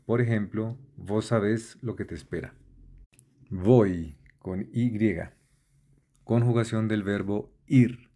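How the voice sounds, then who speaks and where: Slow, low-voiced man reading word definitions. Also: steady tone, warm tone. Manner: measured, deliberate, spells out letters. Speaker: vocabulary instructor. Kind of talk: slow dictionary-style reading of a word list.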